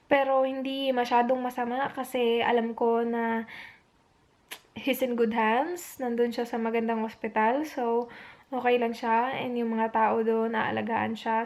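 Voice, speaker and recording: A woman's voice: on the high side, darkish tone. A young woman vlogging at home alone at night, chatty and upset, retelling a long night and mixing English phrases into her talk. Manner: chatty, mixes English into Tagalog, retells quotes. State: upset, on the verge of tears. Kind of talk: casual storytelling vlog.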